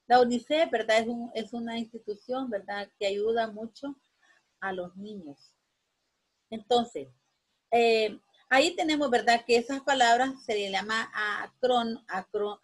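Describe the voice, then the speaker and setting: A woman's voice: fairly high pitch, slightly rough. A woman teacher giving a spoken grammar lesson, rambling with many restarts and a constant "right?" tag.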